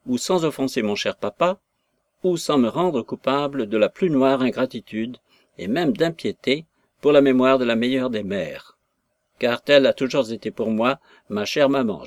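A man reading aloud, voicing a gentle young daughter who answers her father softly and respectfully. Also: medium pitch, no room sound, clean studio sound, close to an everyday voice. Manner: soft, respectful, pleading.

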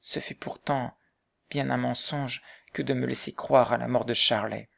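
A man reading the part of a bitter, grieving young mother, speaking softly and subdued in an audiobook. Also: medium pitch, steady tone, moderate pace, creaky. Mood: troubled. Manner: soft, subdued, hushed.

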